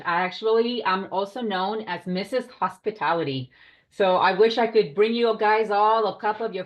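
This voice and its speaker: A woman's voice: fairly low pitch, lo-fi sound. A woman from Puerto Rico, a company director, giving an enthusiastic, chatty business presentation on a video call. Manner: enthusiastic, chatty, warm hospitality tone. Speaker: director of short-term rentals, presenter.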